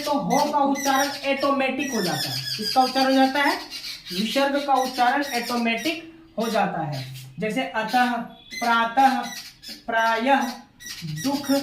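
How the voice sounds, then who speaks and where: A man's voice: very high voice, a bit bright. A man teaching an online exam-prep language lesson, asking questions and answering them himself, repeating key points. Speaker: Hindi teacher. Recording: echoey room with faint noise.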